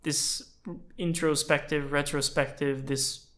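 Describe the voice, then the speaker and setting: A French-speaking YouTuber and animator in his twenties looks back on his channel in a casual, thoughtful way, tossing in chatty, self-deprecating asides. He talks slowly in a fairly high, slightly bright voice that barely moves in pitch.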